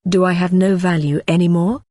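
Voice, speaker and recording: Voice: medium pitch, fairly even intonation, fairly quick, mellow, no echo, clean studio sound, lightly acted. Cheeky chatty young woman, as a reader voices her. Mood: plaintive. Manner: teasing, cheeky. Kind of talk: audiobook character voice.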